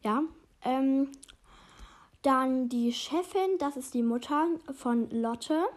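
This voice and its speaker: Slow, hesitant woman chatting about a book. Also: high voice. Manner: hesitant, stumbling, self-deprecating about her reading. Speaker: book vlogger. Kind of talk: casual book chat and reading aloud.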